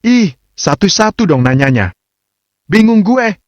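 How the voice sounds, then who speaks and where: A man's voice: fairly high pitch, lively intonation, a little slow, no echo, pitched above the performer's own voice. A man voicing a playful, sassy young wife who talks in bubbly slang, on a dull, dry recording. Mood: chatty.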